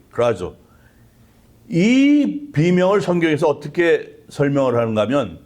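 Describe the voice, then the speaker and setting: A man's voice: a little high, a little mellow. A man preaching a sermon as pastor, with impassioned delivery that acts out cries of prayer.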